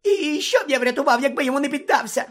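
A man's voice: very high voice, expressive, racing, a bit bright, pitched above the performer's own voice. A man reading an audiobook, voicing a cowering male traitor wizard who whines and pleads through tears. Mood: whimpering pleading. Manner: whining, pleading, tearful.

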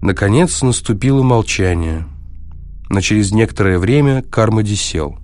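Deep male voice, steady audiobook narration. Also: moderate pace, no room sound.

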